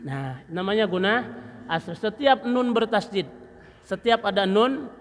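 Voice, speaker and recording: A man teaching Quran recitation at a mosque study session, demonstrating letter sounds and slowly chanting verses. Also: sits high. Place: mosque hall. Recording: long reverb of a mosque hall.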